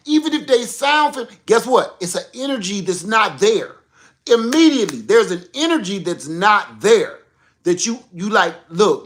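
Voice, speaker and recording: A man hosting a livestream, telling an emphatic, animated story and repeating his points. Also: high-pitched. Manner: animated storyteller, acts out phone calls. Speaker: livestream host. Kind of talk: casual livestream monologue.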